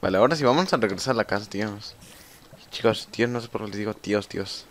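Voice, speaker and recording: A young gamer with a Mexican Spanish accent gives casual gameplay commentary, chatting to himself and swearing freely. His voice is lowish and fast, with a little hiss or hum in the recording.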